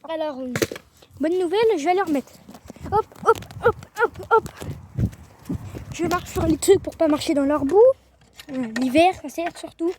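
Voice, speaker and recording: A teenage girl talks to her phone in a casual, rambling way, often trailing off and restarting her sentences. Her voice sits high. She records outdoors beside her chicken coop, with faint noise behind her. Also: normal speed. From northern France. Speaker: vlogger. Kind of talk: casual vlog.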